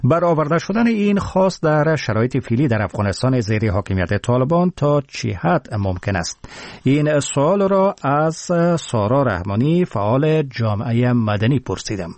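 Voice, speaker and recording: Male newsreader, studio-dry, steady and formal in his delivery. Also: medium pitch, dry recording. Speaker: news anchor. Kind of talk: scripted news reading. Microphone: dry studio mic.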